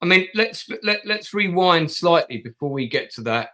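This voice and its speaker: A man's voice: high-pitched, lively intonation, moderate pace, sharp tone. A man from Denmark hosting an interview, asking friendly questions and often repeating words as he starts. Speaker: interview host. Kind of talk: casual interview.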